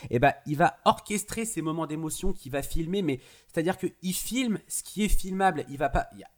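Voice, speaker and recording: A man's voice: fairly high pitch, expressive, brisk. Enthusiastic man reviewing a film. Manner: enthusiastic, restarts phrases often. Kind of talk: casual film review chat.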